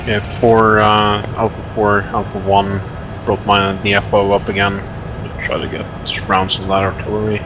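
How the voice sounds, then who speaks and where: A man talking in a halting, matter-of-fact way over crackly military radio while playing a tank simulation. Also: on the low side, completely flat delivery. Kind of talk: casual military game radio chat. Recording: crackly radio, loud vehicle-like hum.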